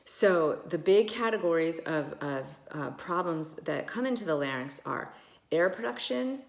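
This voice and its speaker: A woman's voice: deep voice, lively intonation, a little slow, creaky. A woman ENT doctor explaining casually, with many fillers, who sometimes demonstrates how voices sound. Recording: echoey room.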